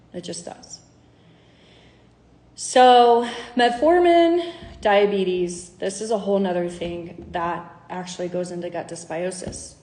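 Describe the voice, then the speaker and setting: A woman's voice: fairly low pitch, mellow, reverberant. A woman health coach in candid, casual talk to her followers, acting out conversations with clients. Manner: chatty, candid, acts out dialogue.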